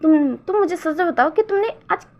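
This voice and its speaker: A woman's voice: extremely high pitch, lively intonation, normal speed, pitched above the performer's own voice. A woman playing a curious, insistent young man. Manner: questioning, insistent. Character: curious, pushy young male friend. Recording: dull lo-fi recording.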